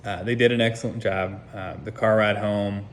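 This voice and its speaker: An American man recording a casual update as a patient just out of surgery, talking in a subdued, halting, hesitant way as he pieces things together. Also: on the low side, steady tone. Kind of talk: casual personal vlog. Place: seated at home, talking to camera. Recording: noticeable background noise.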